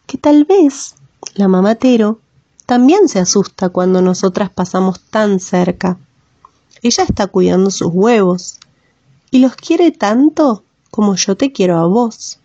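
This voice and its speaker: A woman voicing a gentle, thoughtful mother who calmly explains things to her daughter. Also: medium pitch, a little slow, dry recording. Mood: tender, reflective. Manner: soft, reflective, explaining patiently. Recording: slightly muffled dry recording.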